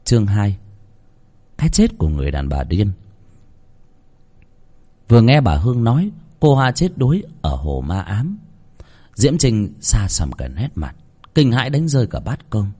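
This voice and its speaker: A man narrating a scripted horror story in a dramatic, expressive way. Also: fairly low pitch, a little slow, pauses often, husky.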